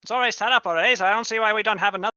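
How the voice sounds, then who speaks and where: An eager, showy carnival barker played by a man in a tabletop game. The voice is high, bright and proclaiming, on a dull, dry recording. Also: very fast, no echo. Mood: excited. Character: excitable carnival barker rallying a town to festival.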